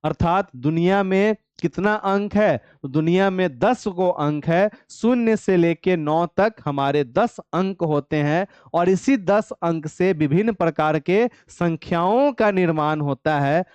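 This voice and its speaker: A man's voice: high-pitched, unhurried, hardly any pauses, a little mellow, clear, resonant tone, no room sound, dull audio. Man teaching math. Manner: explains step by step with rhetorical questions. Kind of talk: live online math class.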